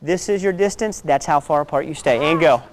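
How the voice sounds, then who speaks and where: A man's voice: fairly high pitch, a little fast. A man teaching a self-defense class, giving direct instructions and often checking in with "okay?".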